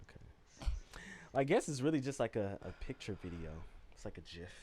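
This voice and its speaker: A man hosting a podcast and chatting casually with friends. He talks in an animated, laughing way and slows down when he reads comments aloud. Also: on the low side, slight background noise. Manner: animated, laughing, drawls out quoted voices. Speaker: podcast host. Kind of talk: casual group chat.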